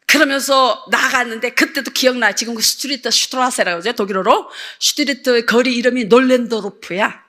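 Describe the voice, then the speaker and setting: Older lady missionary preaching, high bright voice, acts out the lines as she tells her story. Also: brisk. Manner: animated storytelling, acts out dialogue. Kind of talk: sermon testimony.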